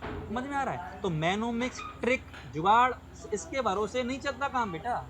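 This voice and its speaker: Here the man's pitch is extremely high, his intonation lively, and his tone a bit bright, at an ordinary pace. The audio is poor, with some background noise. Teaching an online lecture, he drills key points repeatedly, often asks if students are following, and uses English terms along the way.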